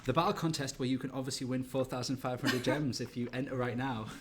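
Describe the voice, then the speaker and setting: A man's voice: medium pitch, fairly even intonation, quick pace, background noise. A man co-hosting a game live stream, upbeat and promotional in casual chat.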